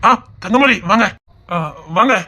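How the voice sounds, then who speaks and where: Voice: medium pitch, unhurried, sharp tone, voice pushed down. A performer doing a soothing Tirunelveli husband. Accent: Tirunelveli Tamil. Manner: soothing, coaxing. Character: calm grown man, gentle husband.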